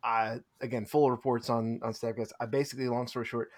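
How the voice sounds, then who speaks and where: A man talking in a relaxed, rambling way, poking fun at himself and breaking into laughter. His voice sits at an ordinary middle pitch, and the talk is loose and conversational. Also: brisk. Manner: rambling, self-deprecating, laughs often. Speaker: podcast co-host. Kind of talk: casual chat recapping a tabletop tournament.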